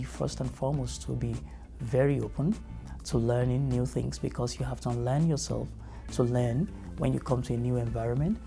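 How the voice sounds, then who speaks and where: Middle-aged Nigerian man, gravelly mid-pitched voice, earnest interviewee over a music bed. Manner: measured, earnest, thoughtful with fillers. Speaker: family educator. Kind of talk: interview answers. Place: studio with dark backdrop.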